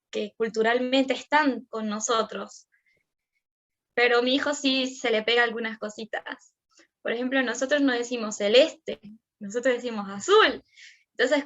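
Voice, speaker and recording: A young Venezuelan woman with an Andean lilt tells her story in a high, lively voice, jumping up in pitch whenever she acts out her own words or her child's. The recording is muffled and lo-fi. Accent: Venezuelan Andean Spanish. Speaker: interviewee, immigrant mother. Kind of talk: emotional personal storytelling.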